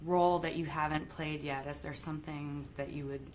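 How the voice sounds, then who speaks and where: A woman's voice: deep voice, steady tone, normal speed, slight background noise. A woman hosting a live interview, asking questions in a friendly, giggly way. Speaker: interviewer host.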